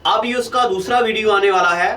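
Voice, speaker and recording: Male tutor, high voice, drilling students with repeated questions, recorded from a distance. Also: brisk, pushed and bright, roomy sound. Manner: addresses students as children, asks and repeats answers. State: fasting, low energy. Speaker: teacher. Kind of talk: online exam-prep lecture.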